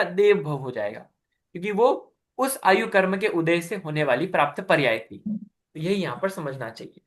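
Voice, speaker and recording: A man teaching a class, patiently explaining step by step, asking his students questions and praising their answers. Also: high voice. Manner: explains step by step, repeating key terms. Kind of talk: online class explaining scripture recitation.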